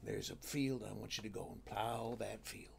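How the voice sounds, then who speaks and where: A man voicing a stingy, short-tempered old king in a folksy told story, talking in a gruff, bossy way. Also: on the low side, normal speed, voice pushed down, full character voice.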